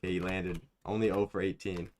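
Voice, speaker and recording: A man's voice: low voice, level tone, fairly quick, a little mellow, slight background noise. A young man streaming a hunting game, chatting loosely with viewers, rambling and self-mocking, often saying like and dude. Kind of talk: casual live-stream chat while gaming.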